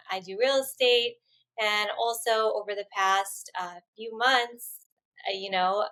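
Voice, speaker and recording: A woman from Poland, raised elsewhere, talking casually as a podcast guest in a relaxed, joking, conversational way. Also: medium pitch, low-quality recording. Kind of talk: casual interview chat.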